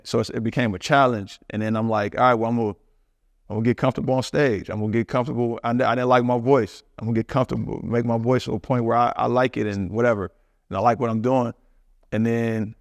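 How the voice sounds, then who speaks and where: Gravelly middle-aged man, rambling. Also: medium pitch, dry recording. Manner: rambling, loose storytelling with many restarts and slang. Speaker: interview guest. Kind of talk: casual interview talk.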